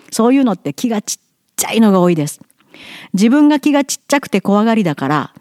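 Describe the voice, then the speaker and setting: A middle-aged woman from Japan giving a blunt, emphatic monologue with quick asides. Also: medium pitch, a little mellow, no room sound, studio quality. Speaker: vlogger commenting on society. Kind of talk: outspoken monologue.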